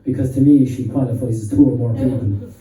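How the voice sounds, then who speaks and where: A man's voice: medium pitch, fairly quick. Limerick man, crude stand-up in a pub. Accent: Limerick Irish. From Ireland. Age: 30s. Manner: crude, self-mocking banter with the crowd. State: slightly out of breath. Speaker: stand-up comedian. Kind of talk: stand-up comedy set. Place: pub stage with live audience. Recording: roomy pub sound from a distant mic.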